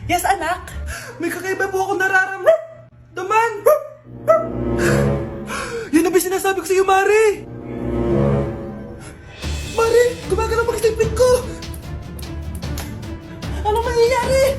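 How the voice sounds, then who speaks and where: A woman's voice: extremely high pitch, steady tone, slow pace, pauses often. A woman playing several family roles herself in a comedy sketch, switching voices playfully. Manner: playful voice-switching between mother and child. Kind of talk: acted comedy sketch playing many parts. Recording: music behind.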